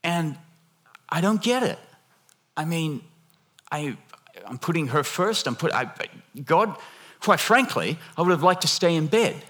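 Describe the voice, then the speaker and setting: A man preaching a sermon who talks with the congregation, halting with many restarts and fillers and making jokey, chatty asides. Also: a little high, expressive, a bit bright. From lived half in Australia, half in America. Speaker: guest preacher. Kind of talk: sermon with audience interaction.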